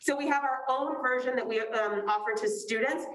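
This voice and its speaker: A woman's voice: high voice, moderate pace, a bit bright. Woman, webinar host, friendly with fillers, video call, echoey room. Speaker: admissions presenter hosting a virtual open house. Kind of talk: hosting a webinar. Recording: echoey room, faint noise.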